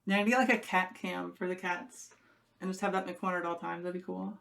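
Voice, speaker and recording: A woman's voice: fairly low pitch, steady tone, quick pace, vocal fry, a bit bright. A young woman live-streaming from home, rambling chattily to her viewers while she fiddles with something. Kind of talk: casual live-stream chat.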